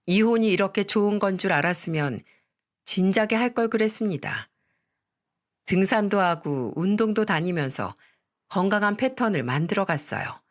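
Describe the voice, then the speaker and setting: A woman narrates a first-person tale in the manner of story radio. Her delivery is steady and conversational at a middle pitch, carrying the listener along line by line. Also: moderate pace.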